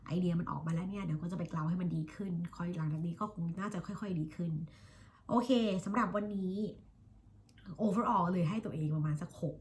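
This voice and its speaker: A Thai woman in her thirties, an English teacher, talking casually about her studies and slowly drilling the pronunciation of English words. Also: on the low side. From Thailand. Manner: chatty, self-reflective, drills words slowly by repeating them. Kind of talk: casual vlog-style lesson.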